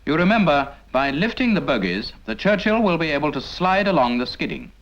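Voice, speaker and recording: Here a British man narrates a scripted 1950s military training film, addressing the trainee with instruction and didactic rhetorical questions. His voice is slightly high, very animated, a little fast, and a bit bright, heard through a dull 1950s film soundtrack.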